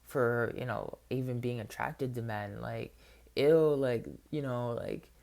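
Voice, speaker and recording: A man's voice: mid-range voice, steady tone, a little slow, vocal fry, a little mellow. A man speaks openly and earnestly about his inner journey, his talk loose and conversational and full of filler words. He is a spiritual healer giving a sincere personal testimony. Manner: candid and open.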